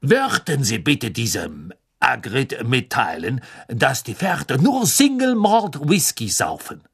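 A man's voice: mid-range voice, wildly swooping pitch, takes it slowly, creaky, slightly rough, heavily acted. A man putting on an imperious giantess headmistress. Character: towering grand female headmistress, stately and imperious.

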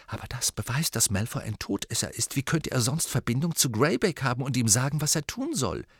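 A man's voice: medium pitch, very animated, brisk, breathy edge, no echo, studio quality. A man voicing a stubborn, suspicious teenage wizard boy in an audiobook, talking in a reluctant, insistent way.

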